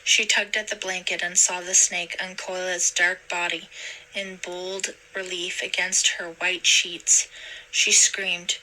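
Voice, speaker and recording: A woman narrating a storybook aloud in a steady, measured way. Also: lowish voice, slight background noise, rough recording. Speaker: storybook reader.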